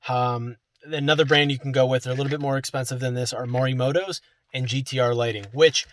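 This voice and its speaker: A man's voice: medium pitch, quick pace. Man, young adult, casual tutorial host, chatty, talking inside a car while he works. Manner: relaxed, chatty, talks while working with hands. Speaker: car how-to video host.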